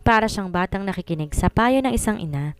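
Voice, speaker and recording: A woman reading a serialized romance story aloud, in a steady narrating manner. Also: mid-range voice, brisk, smooth, dry recording, soft background music. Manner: steady, mixing two languages.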